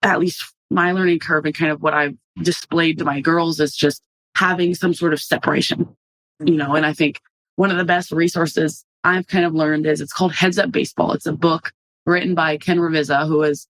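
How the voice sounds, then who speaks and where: A young adult woman, a softball player guest in a casual podcast interview, telling stories animatedly and acting out quotes. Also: low voice, fairly even intonation, moderate pace, no echo, low-quality recording.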